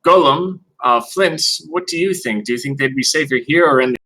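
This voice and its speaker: A man's voice: medium pitch, fairly quick, pushed and bright, rough recording. A man playing a tabletop game, easygoing and thoughtful. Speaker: player.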